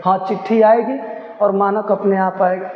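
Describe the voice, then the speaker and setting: A man's voice: level tone, moderate pace, a little hiss or hum, close to an everyday voice. A man voicing an anguished old village mother who calls out shrilly for her soldier son. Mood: dazed. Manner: shrill repeated calling of a name. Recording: echoey room, dull lo-fi.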